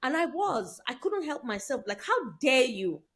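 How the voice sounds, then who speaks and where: A Nigerian woman with a high-pitched voice co-hosts a casual chat, speaking at normal speed. She tells stories animatedly, packing them with quoted dialogue.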